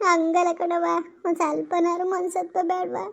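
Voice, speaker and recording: A woman voicing a tearful, hurt pregnant young wife in an animated story, speaking in plaintive complaints. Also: very high voice, moderate pace, creaky. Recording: lo-fi, dull voice-over.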